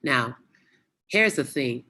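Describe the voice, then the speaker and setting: Casual motivational talk, animated storytelling, video call audio. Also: medium pitch, slow pace. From United States. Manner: chatty, animated storyteller with local exclamations. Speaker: guest speaker at youth webinar.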